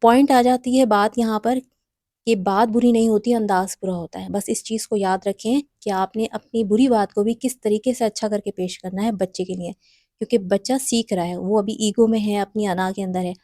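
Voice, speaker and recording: A woman with a mellow, warm voice gives parenting advice in a steady, instructive way, addressing mothers directly. Her recording is close and dry, with no room sound around her. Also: mid-range voice, no room sound.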